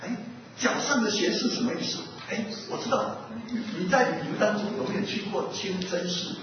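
This pastor's voice sits high and moves a little fast as he tells a sermon story. He asks the audience questions and acts out an animal fable, and the recording is distant, echoey, muffled, and noisy.

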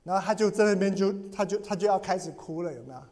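A man's voice: high-pitched, fast talker, warm tone. A pastor preaching in earnest, telling a personal story and often repeating and restarting his words. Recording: long hall reverb.

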